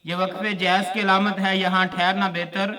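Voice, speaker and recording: A man's voice: sits high, little pitch movement, normal speed, bright, forceful tone, distant mic. A man with a Pakistani Urdu accent teaching a religious lesson, repeating each point and quizzing his listeners. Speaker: Quran teacher.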